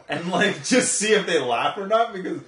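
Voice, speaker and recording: A man's voice: sits high, expressive, normal speed, a bit bright, roomy sound. Joking, swearing podcast host man. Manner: swears casually, laughs often. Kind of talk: casual podcast conversation. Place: guest's home office.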